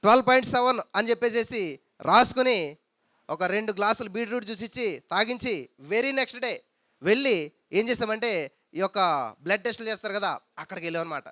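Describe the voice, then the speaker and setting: A man's voice: sits high, animated, quick pace, pauses often, bright, forceful tone, dry recording, clean studio sound. A man preaching a sermon as pastor, with emphatic hallelujah calls and questions put to the congregation. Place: church hall.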